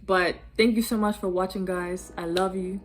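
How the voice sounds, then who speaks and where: A woman's voice: medium pitch, steady tone, moderate pace. A young woman from Bermuda with a Bermudian accent, chatting casually in a vlog, laughing now and then and using many fillers. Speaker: vlogger. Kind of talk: casual vlog explaining slang.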